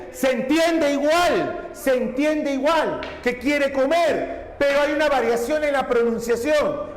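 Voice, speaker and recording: A male teacher with a Peruvian Spanish accent, giving a classroom lecture and often stopping to check that students understand. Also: very high-pitched. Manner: repeats points and checks for understanding. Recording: echoey hall with faint background hum.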